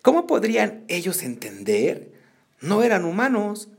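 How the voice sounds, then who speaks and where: Gravelly guy reading a novel out loud, steady, fixes his own slips. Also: sits high, unhurried. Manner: reads steadily, restarts after slips. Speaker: audiobook reader. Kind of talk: narrating a novel aloud.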